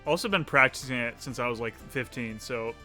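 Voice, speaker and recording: A man streaming a video game in casual chat, playful and quick to laugh, sometimes reading lines aloud. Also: mid-range voice, pushed and bright, faint music behind. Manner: playful, laughs often, hams up character lines.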